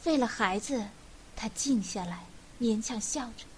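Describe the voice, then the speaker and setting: A woman reads a novel aloud at an unhurried pace, measured and expressive. Her voice is high, and the recording rings with a long, echoey reverb. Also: a little hiss or hum. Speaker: narrator. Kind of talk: storybook reading.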